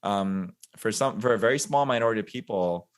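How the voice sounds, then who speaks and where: A man in his forties, a podcast guest, talking in a relaxed, reflective way with many fillers and self-mocking laughs. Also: lowish voice, fairly quick, smooth. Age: 40s. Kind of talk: casual interview conversation.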